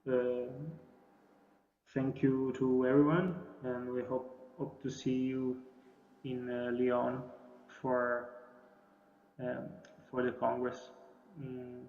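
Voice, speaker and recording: A man closing a recorded talk, speaking very hesitantly with many uhs and pauses. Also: mid-range voice, monotone, slight background noise. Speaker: remote speaker. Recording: dull, roomy video recording.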